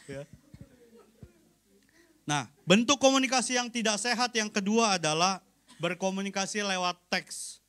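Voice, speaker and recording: High-voiced man preaching a chatty sermon. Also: unhurried, long pauses, pushed and bright. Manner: conversational, joking, keeps addressing the congregation; acts out short everyday exchanges. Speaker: pastor.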